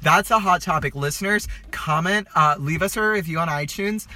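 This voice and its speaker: A man's voice: on the high side, moderate pace, sharp tone. A young man co-hosting a casual podcast chat, playful and teasing, laughing often. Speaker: podcast co-host.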